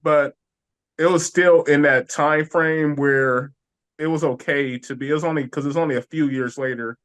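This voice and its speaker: A man co-hosting a casual podcast chat, talking in a halting way with many pauses and restarts. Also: fairly high pitch, steady tone, a bit bright, clear, resonant tone. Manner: halting, lots of fillers and restarts. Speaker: podcast co-host.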